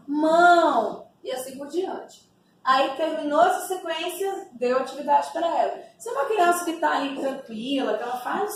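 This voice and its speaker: Woman trainer, high voice, explanatory, checks in often with the group; distant mic, heavy room echo, faint hiss. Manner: explanatory, frequent tag questions, models words aloud. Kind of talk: teaching a training session. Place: echoey room.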